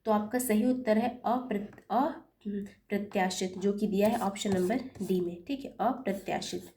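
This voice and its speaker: A woman's voice: mid-range voice, normal speed, mellow, a little hiss or hum. A woman teaching an exam-prep lesson, patiently spelling out corrections step by step and correcting her own slips as she goes. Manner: self-correcting, apologizes for slips. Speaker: Hindi teacher.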